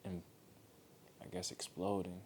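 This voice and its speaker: A man with a fairly low voice delivers a heartfelt motivational monologue. He speaks earnestly and gently, circling back to repeat key phrases. A faint low rumble runs behind the recording. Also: little pitch movement, measured pace.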